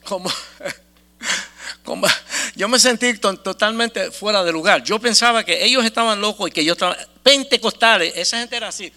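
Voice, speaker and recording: A man giving a lively, conversational testimony, repeating himself and laughing often. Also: high-pitched, normal speed. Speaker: speaker giving a faith testimony.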